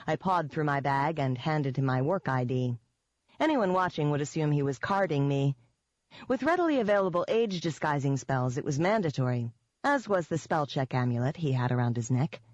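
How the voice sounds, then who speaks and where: A woman's voice: low-pitched, lively intonation, moderate pace, no echo. Wry woman narrating an audiobook. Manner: wry, sardonic. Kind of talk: first-person audiobook narration. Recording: dull, dry audiobook recording.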